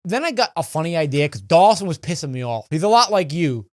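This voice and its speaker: A man's voice: on the high side, sing-song, fast talker, darkish tone, no echo, studio quality. Profane rambling young man telling stories. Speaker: podcast co-host. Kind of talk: casual storytelling chat.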